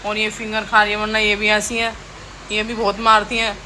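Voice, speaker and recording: A woman's voice: mid-range voice, completely flat delivery, normal speed, bright, forceful tone, slight background noise. A young woman, a mother, chatting casually in a home vlog and scolding her children now and then. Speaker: vlogger and mother. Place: home kitchen and rooms.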